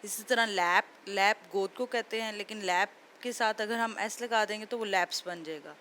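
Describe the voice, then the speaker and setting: A woman teaching a phonics lesson for children, patiently explaining step by step and slowly sounding out each word. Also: mid-range voice, bright, forceful tone, a little hiss or hum.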